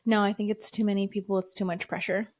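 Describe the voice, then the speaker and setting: A woman's voice: mid-range voice, little pitch movement, fast talker, no room sound. Wry woman, dry close sound. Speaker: podcast co-host. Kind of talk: casual chat.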